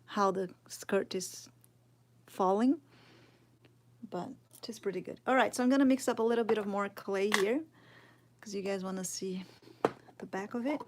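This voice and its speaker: This woman in her thirties, from Brazil and speaking with a Brazilian Portuguese accent, has a mid-range voice with slight hiss or hum in the audio. She teaches sculpting in a casual live tutorial, answering chat slowly and thinking aloud, often dropping to a murmur while she works.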